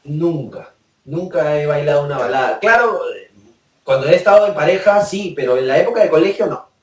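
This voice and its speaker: A young man with a Peruvian Spanish accent, a podcast co-host recalling memories in a halting way as he searches for words. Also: on the high side, animated. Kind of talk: casual chat. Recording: roomy, from a distance.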